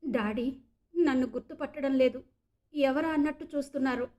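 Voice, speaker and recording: A woman's voice: fairly high pitch, unhurried, darkish tone, natural voice. A woman voicing a distressed young daughter who speaks in a choked, crying voice. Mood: sobbing. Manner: choked, sobbing voice.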